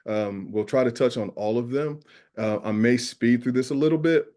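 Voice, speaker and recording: A man from New York with a Southern drawl, a school safety specialist presenting a webinar, earnest and filling pauses with "uh". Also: mid-range voice, mellow. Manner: earnest, many "uh" fillers.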